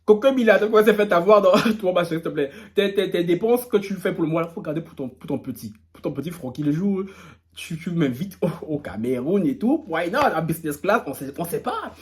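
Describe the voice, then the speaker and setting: Male gossip vlogger, high-pitched, playful and teasing, reads posts aloud and mocks them. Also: lively intonation, a little fast, darkish tone. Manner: playful, teasing, laughs often. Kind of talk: casual gossip commentary.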